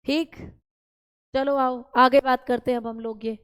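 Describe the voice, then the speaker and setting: A woman's voice: high-pitched, steady tone, unhurried, fairly bright tone, clear, resonant tone. A woman teaching an online class, repeating key terms and talking directly to her students. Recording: long hall reverb.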